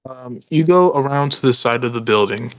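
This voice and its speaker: A man's voice: medium pitch, animated, moderate pace, fairly bright tone, muffled recording. A man narrating as game master of a tabletop role-playing game, hesitant with many ums and uhs.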